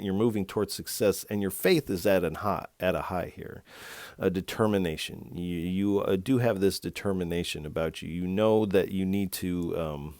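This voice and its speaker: A man giving a tarot card reading, talking gently and reflectively straight to the viewer. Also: sits low, dry recording, studio quality. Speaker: tarot reader.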